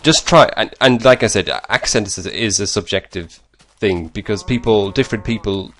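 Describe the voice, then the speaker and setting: A man's voice: lowish voice, moderate pace, a bit bright, low-quality recording. A British man answering viewer questions in a casual vlog, in a rambling, self-deprecating and chatty way. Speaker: YouTuber.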